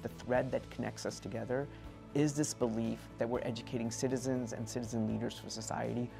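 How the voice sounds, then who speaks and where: Gravelly man speaking earnestly over music. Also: mid-range voice, level tone, brisk. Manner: earnest, lofty phrasing. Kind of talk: promotional testimonial.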